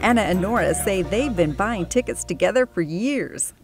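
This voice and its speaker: A woman's voice: medium pitch, expressive, normal speed. A woman reporter reading scripted news narration. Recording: loud music behind the voice. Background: loud music.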